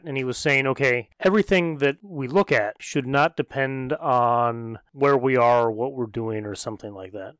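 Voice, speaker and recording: A man's voice: medium pitch, a bit bright, dry recording. Man co-hosting a podcast in a dry room. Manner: checks his understanding with questions. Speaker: podcast co-host. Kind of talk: casual explanatory chat.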